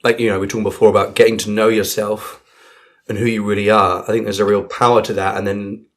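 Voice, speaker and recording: Guy hosting a chat podcast, low voice, laid back and musing. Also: little pitch movement, fast talker. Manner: reflective, easygoing, many fillers. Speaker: podcast host. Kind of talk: casual interview chat.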